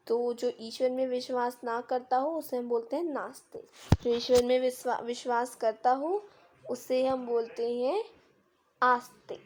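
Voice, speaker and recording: A woman's voice: fairly high pitch, a little hiss or hum. A woman teaching Hindi grammar in a screen-recorded lesson, patiently explaining with simple examples and quiz questions. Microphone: device mic of a screen recording.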